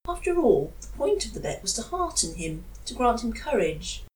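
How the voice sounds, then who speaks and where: A woman reading fan fiction aloud, expressive in her storytelling. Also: fairly high pitch, moderate pace, low-quality recording. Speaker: reader.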